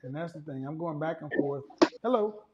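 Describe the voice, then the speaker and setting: A man's voice: fairly high pitch, animated, normal speed, muffled recording, very noisy. A man hosting a call-in debate show, blunt and pushing back on callers, with features. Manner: blunt, pushes back, talks over callers. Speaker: host taking callers.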